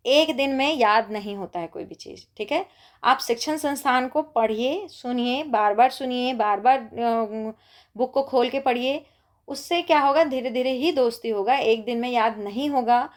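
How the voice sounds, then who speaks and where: High-voiced woman teaching exam prep. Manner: encouraging, conversational, reads lists aloud.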